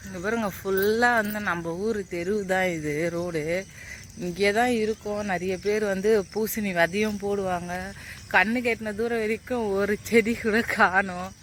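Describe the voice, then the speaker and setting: A woman's voice: medium pitch, fairly even intonation, moderate pace, a bit bright. Chatty young woman vlogging outdoors. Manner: chatty, addresses viewers as friends. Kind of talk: casual vlog narration. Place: outdoors at a village house and street. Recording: noisy outdoor phone recording.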